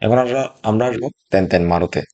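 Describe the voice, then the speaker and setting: A man teaching a language lesson, slowly and deliberately reciting syllables one by one. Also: on the low side, a little mellow, highs cut off. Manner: slow, deliberate syllable-by-syllable drilling.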